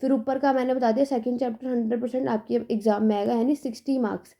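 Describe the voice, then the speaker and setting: A woman's voice: a little high, steady tone, fast, mellow. A young woman tutor giving emphatic, repetitive exam tips in a casual lesson, often checking in with her students. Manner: emphatic, repetitive reassurance with "theek hai" checks.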